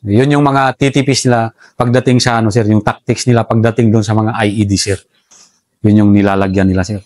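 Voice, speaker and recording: A man's voice: lowish voice, fairly even intonation, fairly quick, a little mellow, no room sound. Soldier guy telling war stories, says sir every other line, dry sound. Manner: respectful, says "sir" constantly. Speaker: soldier recounting enemy tactics. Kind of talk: casual interview storytelling.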